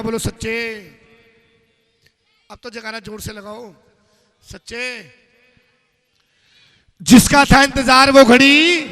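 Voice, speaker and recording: A man's voice: extremely high pitch, bright, forceful tone, long reverb tail. A man narrating a devotional story at a live gathering, urging the crowd to chant along.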